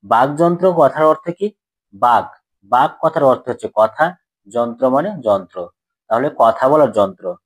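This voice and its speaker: A man's voice: medium pitch, expressive, a little slow, no echo, low-quality recording. A man teaching a grammar lesson to school students, who poses questions and answers them himself and repeats the key points.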